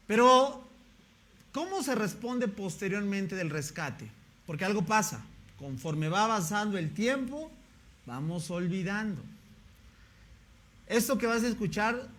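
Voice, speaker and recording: A man's voice: high-pitched, a bit bright. A male pastor, preaching a sermon in a conversational way and often asking the congregation rhetorical questions.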